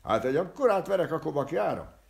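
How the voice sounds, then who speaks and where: A man voicing an agitated, ranting male character in an audiobook, shouting frantically. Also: medium pitch, animated, vocal fry, reverberant, pitched above the performer's own voice. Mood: frantic.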